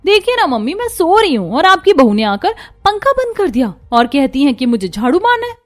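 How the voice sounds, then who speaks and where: A woman's voice: high voice, very animated, a little fast. Woman voicing a spoiled snappy daughter. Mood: angry. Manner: whiny, snappy. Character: spoiled bratty young woman, sharp-tongued daughter.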